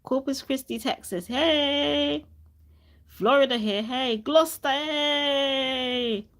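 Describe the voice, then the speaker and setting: A woman's voice: high-pitched, slow pace, fairly bright tone. A young woman hosting a casual livestream, chatty and laughing often, reading viewer comments aloud, with a cough sweet in her mouth and a sore throat. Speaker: channel host.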